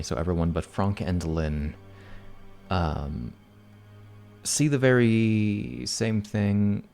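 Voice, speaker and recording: A man running a tabletop game as game master, chatting and narrating casually in a halting way, often correcting himself. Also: low voice, a little mellow.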